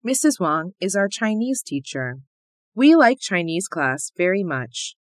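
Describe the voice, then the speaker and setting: A woman reading the part of a twelve-year-old schoolgirl introducing herself in a scripted listening test, slow and carefully enunciated. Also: on the low side, big pitch swings, dry recording, studio quality. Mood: plain.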